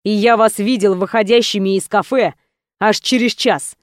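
A jealous young man snaps in curt, gruff, scornful lines, as a woman narrator voices him. The voice sits at an ordinary middle pitch. It is recorded dry and close for an audiobook. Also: steady tone, moderate pace, dry recording, natural voice. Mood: angry. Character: angry jealous young man, harsh and accusing. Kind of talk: audiobook character voice.

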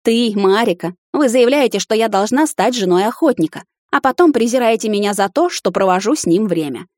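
Woman reading a defiant young witch heroine, audiobook; emotional, fairly low, dry. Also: lively intonation, fairly quick, a little mellow, breathy edge, no room sound. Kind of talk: audiobook character voice.

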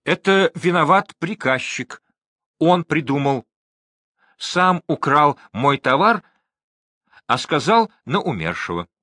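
A man's voice: a little high, animated, normal speed, sharp tone, no echo, clean studio sound, voice pushed up. A man reading an audiobook voices a sly, fawning old merchant who wheedles and pleads. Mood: wheedling.

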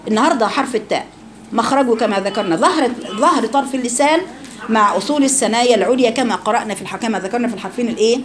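A woman's voice: on the high side, racing, faint music behind. A woman with an Egyptian accent teaching a live Quran recitation class. She drills letter sounds and quizzes her students.

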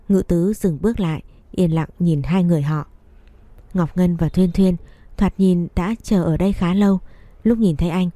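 Low, mellow woman narrating a story. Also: no room sound.

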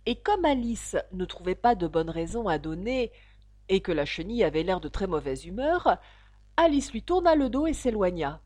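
A woman narrating a classic storybook aloud in a slow, expressive reading. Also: medium pitch, no echo. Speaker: audiobook narrator.

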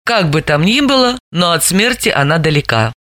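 A woman narrating an audiobook in an expressive storytelling manner. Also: on the low side, normal speed, no room sound, clean studio sound.

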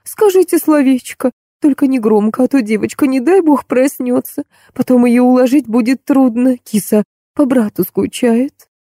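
A woman's voice: sits high, moderate pace, mellow, no echo, studio quality, voice pushed up. A woman voicing a fussy, soothing older nanny in an audiobook. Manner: fussing, soothing.

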